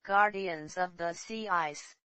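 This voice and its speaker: A woman's voice: fairly low pitch, slow pace, a bit bright, no echo. A woman announcing titles and chapter headings in a scripted reading style.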